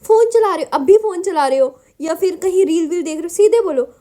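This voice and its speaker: A woman's voice: extremely high pitch, brisk, dark tone. A woman from India teaching spoken English in a Hindi-English mix, encouraging and addressing viewers as her children. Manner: mixes Hindi with English phrases. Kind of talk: Hindi-English mixed lesson.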